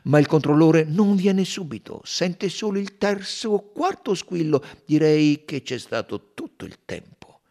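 A man voicing a fussy, measured elderly male detective in an audiobook reading. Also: a little high, sing-song, warm tone, pitched above the performer's own voice. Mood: knowing. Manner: measured, knowing, explanatory.

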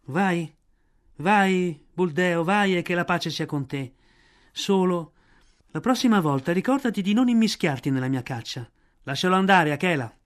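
A man's voice: high-pitched, expressive, normal speed. A man voicing a proud, defiant young man raised among wolves, in an audiobook. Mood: commanding.

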